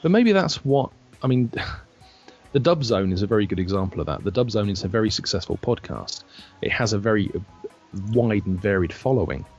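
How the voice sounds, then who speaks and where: A man's voice: on the low side, lively intonation, fairly quick, darkish tone, highs cut off, soft background music. A man who is a guest on a podcast, chatting casually and often stumbling over his words. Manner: hesitant, restarts a lot. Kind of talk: casual panel chat.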